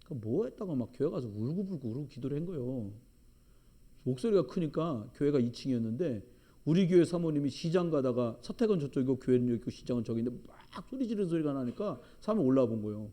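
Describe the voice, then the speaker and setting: A man's voice: mid-range voice, lively intonation, fast, dark tone. A middle-aged man preaching a sermon as pastor in a church, with emphatic, joking storytelling. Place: church sanctuary.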